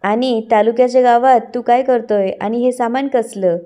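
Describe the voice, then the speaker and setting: A woman's voice: on the high side, fairly even intonation, normal speed, dark tone, close to an everyday voice. A woman reading the lines of two cheeky young male friends from a TV serial in her own plain voice. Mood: teasing. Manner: read out in a plain narrating voice.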